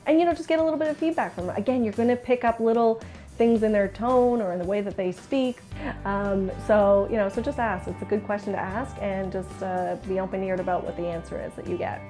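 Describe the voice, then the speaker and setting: Talking a little fast in a mellow, medium-pitched voice, a Canadian-accented business coach for interior designers addresses the camera in a casual how-to video. She's chatty and candid, acting out things clients say, while soft music plays in the background.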